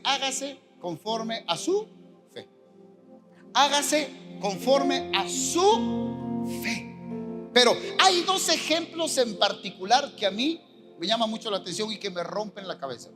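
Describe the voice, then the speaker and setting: Mexican pastor, high voice, lively sermon delivery acting out voices, music playing underneath. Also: male voice. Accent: Mexican Spanish. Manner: animated, acts out quoted voices. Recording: music behind the preaching.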